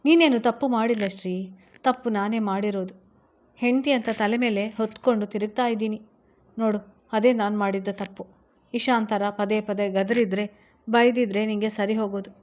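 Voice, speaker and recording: A stern young businessman husband, as a woman reads him aloud, scolds his wife harshly in a storybook reading. The voice runs a little louder than the narration. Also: mid-range voice, fairly even intonation, moderate pace, natural voice. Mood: stern scolding.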